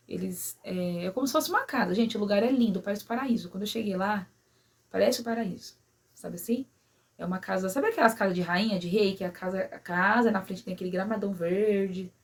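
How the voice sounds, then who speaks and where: A woman who tells a personal story to her viewers in an emotional way. She keeps adding "né?" and "sabe assim?" and drops very quiet at the sad parts. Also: mid-range voice, breathy edge. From São Paulo, Brazil. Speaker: vlogger.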